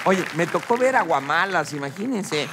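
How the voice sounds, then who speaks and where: A man's voice: high voice, animated, normal speed, a crowd in the background. A man with a Mexican accent delivering a slangy comedy monologue as a late-night host, joking with the audience. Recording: noisy studio with a live audience. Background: audience laughter and noise.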